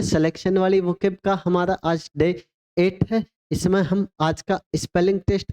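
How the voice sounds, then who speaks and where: Man drilling vocabulary in a mellow voice. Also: high-pitched. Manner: call-and-response drilling, spells words letter by letter; asks rhetorical questions then answers them. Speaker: English teacher. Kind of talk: exam vocabulary lesson.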